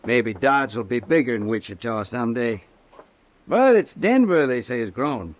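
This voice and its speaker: An actor playing a seasoned frontier sheriff who talks slowly and deliberately, in 1950s radio western style. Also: male voice, mid-range voice, very animated, close to an everyday voice. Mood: measured.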